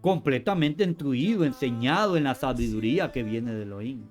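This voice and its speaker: A man's voice: medium pitch, animated, moderate pace, soft background music. A man teaching from scripture, going through word meanings in long lists, often repeating words and correcting himself. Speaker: Bible teacher.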